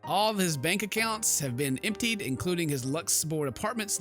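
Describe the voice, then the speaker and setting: Hosting a gaming video, a man with a high-leaning, bright, forceful voice reads the story text with dramatic flair. He keeps breaking off for casual, jokey asides in this let's play, with game music playing underneath.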